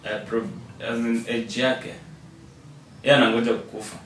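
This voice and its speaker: A man's voice: medium pitch, fairly even intonation, normal speed. A young Kenyan man chatting casually and explaining things, switching between Swahili and English with a Kenyan accent. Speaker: podcast co-host. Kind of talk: casual chat. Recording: echoey room, distant mic, faint noise.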